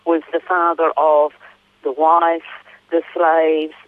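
A woman gives explanatory answers as an interview guest. Her voice is low for a woman and comes through a thin, narrow phone line with no room sound. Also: flat delivery, slow, no echo. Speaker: interview guest, author and academic. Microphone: telephone.

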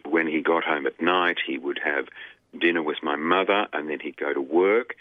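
An Australian man, a radio guest, telling his life story in a halting way with many pauses and fillers. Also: rumbling low, dry recording. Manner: halting, many ums and uhs. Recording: dry tinny phone line.

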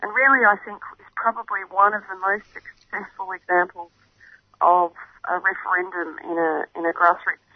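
A woman's voice: on the low side, steady tone, slightly rough, dry recording. Woman campaigner calling in, phone held too far away, faint and muffled, dry dull line. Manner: confident, earnest, halting with fillers. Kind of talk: phone-in radio interview.

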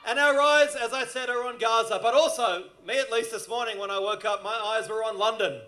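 A man speaking as an MC at an outdoor protest rally, forceful and rousing. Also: extremely high pitch, fairly even intonation, fairly quick. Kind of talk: rally speech.

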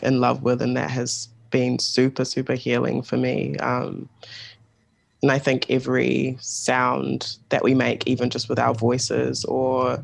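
Creaky, hesitant New guest. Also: medium pitch. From New Zealand. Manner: hesitant, many ums, laughs lightly. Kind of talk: casual interview chat.

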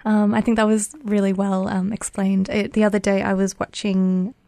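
A young woman interviews in a laid-back way, with fillers scattered through her speech. Her tone is dark and warm, with gravelly fry, and the recording is close and dry. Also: medium pitch, moderate pace, no echo. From Australia. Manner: relaxed, uses many fillers. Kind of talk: casual interview questions.

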